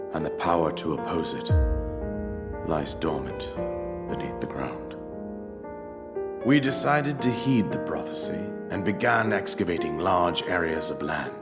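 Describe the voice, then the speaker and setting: An older man playing a solemn, regal ghost king of a fallen kingdom, telling his story gravely in a video game cutscene. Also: low voice. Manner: grave, stately, measured storytelling.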